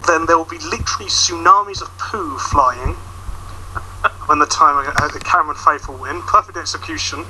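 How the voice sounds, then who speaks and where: Bright, higher-pitched man joking around. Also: normal speed, slight background noise, rough recording. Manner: joking, teasing. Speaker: podcast guest. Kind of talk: casual bantering podcast chat.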